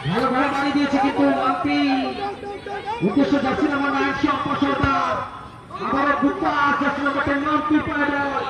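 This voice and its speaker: A man giving excited live football commentary in short, exclamatory bursts. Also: extremely high pitch, brisk, very noisy. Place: outdoor football ground. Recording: echoey outdoor PA, distant, crowd around.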